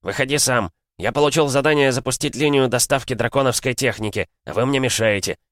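A man reading an audiobook voices a mocking, unhinged male colonel who taunts loudly. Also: mid-range voice, brisk, no room sound, studio quality, pitched above the performer's own voice, natural voice. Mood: taunting. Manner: taunting, cackling, loud.

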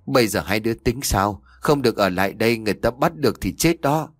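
A man voicing a remorseful old village father who pleads, shouts and frets in a storybook reading. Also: lowish voice, lively intonation, fairly quick, no room sound, studio quality. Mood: anguished. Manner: pleading then shouting, emotional.

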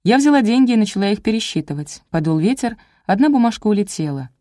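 Woman audiobook narrator, brisk wry first-person telling, mid-pitched, dry close recording. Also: expressive, warm tone, no echo.

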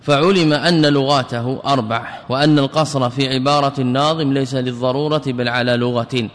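A man's voice: mid-range voice, fairly even intonation, a little fast, big-room sound. A man teaching classical Arabic grammar in a recorded lesson, methodical and repeating key terms as he explains.

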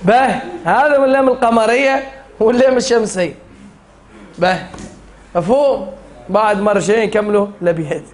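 A man's voice: high voice, brisk, long pauses, slight background noise. A man with a Tunisian Arabic accent teaching a Quran recitation class, drilling the students and chanting the rules in verse.

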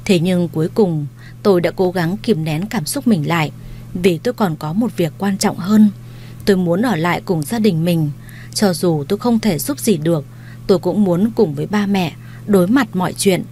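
A woman narrating a first-person dramatic story in a steady storytelling manner. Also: fairly low pitch, slight background noise.

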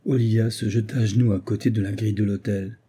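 A man narrating a classic novel in a measured literary reading. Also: lowish voice, steady tone, dark tone, husky. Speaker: audiobook narrator. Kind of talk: scripted narration.

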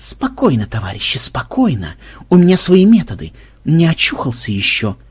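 A man's voice: mid-range voice, huge pitch swings, normal speed, husky, heavily acted. A man voicing a pompous, officious male schemer in an audiobook who calls everyone comrade. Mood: bossy.

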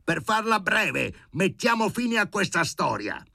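A man's voice: sits high, sing-song, a little slow, gravelly, no echo, clean studio sound, voice pushed up, exaggerated voice. A man voicing an irritable, exasperated older male professor in an audiobook reading. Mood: shouting. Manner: exasperated, growling and shouting.

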